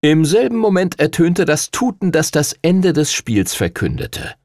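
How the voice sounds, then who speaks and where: A man narrating a children's fantasy audiobook in an expressive, dramatic way. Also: fairly high pitch, a little slow, no room sound, clean studio sound.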